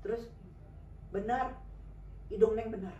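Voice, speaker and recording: A woman's voice: fairly high pitch, steady tone, measured pace, warm tone, echoey room, far from the mic, highs cut off. A woman telling a personal story in a chatty, informal way, full of fillers and acted-out dialogue. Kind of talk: casual spoken storytelling.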